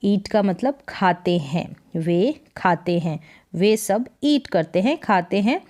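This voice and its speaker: A woman's voice: mid-range voice, animated, slow, a little mellow. A woman teaching English reading in Hindi, going word by word, repeating each word and explaining its meaning patiently. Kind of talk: slow step-by-step reading lesson.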